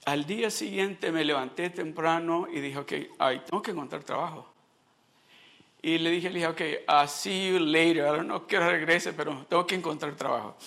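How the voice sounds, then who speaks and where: A man's voice: sits high, gravelly, sharp tone. A middle-aged man giving a sermon testimony, telling a personal story and slipping in English phrases.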